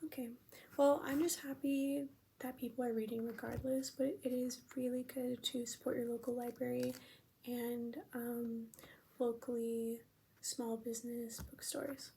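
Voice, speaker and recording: A young American woman in an ASMR role-play as a friendly librarian, speaking in a gentle, unhurried, breathy library soft voice. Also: on the high side, level tone. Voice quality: soft-spoken, breathy near-soft voice. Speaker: ASMR performer playing a librarian at checkout. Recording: faint background noise.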